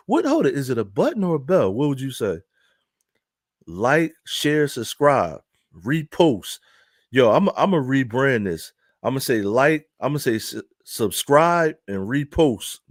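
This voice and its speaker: A man's voice: medium pitch, big pitch swings, measured pace, no room sound, clean studio sound. A man hosting an online news live stream, commenting casually with loose jokes and frequent laughter. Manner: loose, joking, laughs often.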